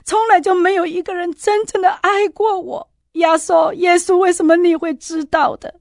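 A woman's voice: very high-pitched, level tone, normal speed, no room sound, studio quality, voice pushed up. A woman voicing her older Taiwanese mother, who cries out to Jesus in anguish, pleading, with a Taiwanese accent. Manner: crying out, pleading.

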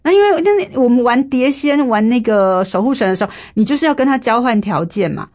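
In an interview, a woman in her fifties earnestly shares her personal faith testimony, her voice on the high side, expressive, fairly quick and darkish in tone. Her storytelling is emotional, full of fillers, and she often repeats herself.

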